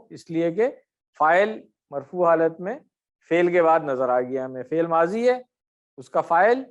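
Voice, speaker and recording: A middle-aged man teaching Arabic grammar in an online class, correcting and quizzing his students by name. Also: high-pitched.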